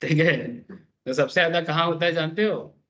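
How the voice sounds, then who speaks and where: Chatty high-voiced male teacher, lo-fi. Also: moderate pace, sharp tone. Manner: chatty storytelling, asks the class questions, mixes English terms. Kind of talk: classroom lecture on business law.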